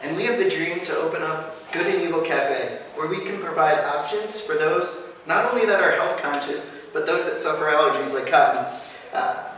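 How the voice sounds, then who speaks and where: A man earnestly pitching his planned cafe, slightly halting at times. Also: a bit bright. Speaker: aspiring cafe owner pitching. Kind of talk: prepared pitch speech. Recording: echoey hall, far mic, audible noise.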